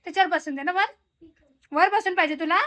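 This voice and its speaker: A woman's voice: extremely high pitch, fast talker, bright, forceful tone. A mother chatting casually at home in her kitchen for a vlog, coaxing and playing with her toddler in a playful sing-song way.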